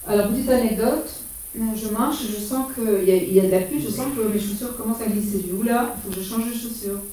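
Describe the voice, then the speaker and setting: Speaking quickly in a warm, fairly high voice, a middle-aged woman presents an informal travel slideshow on walking a pilgrimage alone, full of fillers and false starts. Her voice sounds distant in a heavily reverberant room, with slight hiss or hum.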